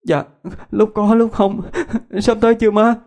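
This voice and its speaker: A man's voice: high voice, flat delivery, unhurried, a little mellow, pitched above the performer's own voice. A man voicing a frightened young village girl who pleads and sounds close to tears. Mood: weary. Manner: pleading, tearful.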